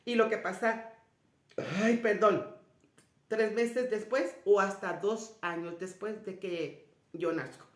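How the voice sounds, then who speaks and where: A woman giving a spiritual personal testimony to an audience, retelling conversations and often dropping to a soft, low voice. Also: steady tone, slow. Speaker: speaker sharing a personal story. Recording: roomy echoey sound.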